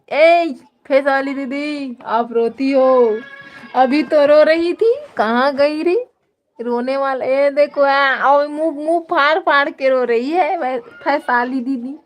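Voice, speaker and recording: A woman's voice: sits high, slight background noise. A woman with a Chhattisgarhi accent hosting a casual live stream, reading viewer comments and teasing them playfully into her phone.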